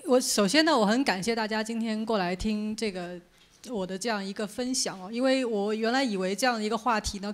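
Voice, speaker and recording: A woman speaker giving an informal public lecture in a conversational, explanatory way. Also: medium pitch. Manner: conversational, explanatory, poses questions to listeners. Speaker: journalist giving a book talk.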